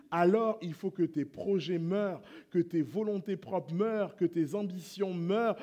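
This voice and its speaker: Male pastor, high voice, sermon in church, quiet prayer swelling into fervent preaching. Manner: swings from hushed prayerful to loud impassioned preaching.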